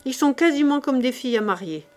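A stingy old miser barks curt orders, as a woman reads him aloud in an audiobook. His tone stays gruff and dismissive, pitched fairly high and pushed louder than the narration. It is a plain, lightly acted storybook voice. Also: expressive, a little fast. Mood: stern.

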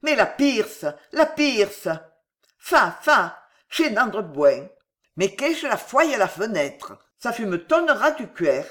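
Une femme qui prête sa voix à un vieux baron crédule et amoureux, à l'accent allemand prononcé et aux consonnes écorchées. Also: female voice, medium pitch, very animated, takes it slowly. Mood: fiévreux. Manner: thick German accent put on, mangled French consonants. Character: old German-accented male baron, lovesick and gullible.

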